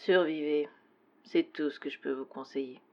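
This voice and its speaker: A woman plays a calm, stern stranger man on a phone line. Her voice drops low and soft, with clipped, firm orders in a story reading. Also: moderate pace.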